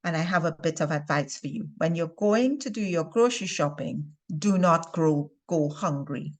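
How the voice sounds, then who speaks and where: A health and wellness video presenter from Trinidad and Tobago, with a Trinidadian accent, gives viewers an informal instructional talk. Her voice sits low, and she speaks deliberately, stressing key words.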